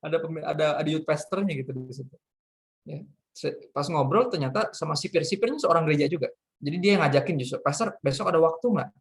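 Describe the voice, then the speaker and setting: A man from Jakarta with a Jakarta accent, a pastor giving a casual youth sermon in lively slangy street talk. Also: a little high, fast talker. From Jakarta, Indonesia.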